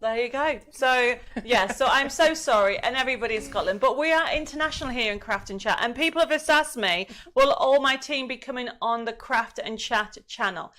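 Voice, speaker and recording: Chatty woman host with a fairly high voice. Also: sharp tone. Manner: chatty, informal. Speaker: host of a craft live stream. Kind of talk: casual chat, greeting viewers.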